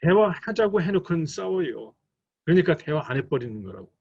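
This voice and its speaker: A man teaching a church class as a couples counselor, talking slowly and deliberately and acting out quoted arguments. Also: on the high side, sing-song, vocal fry, breathy edge. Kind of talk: recorded lecture for a training course. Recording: dull lo-fi recording.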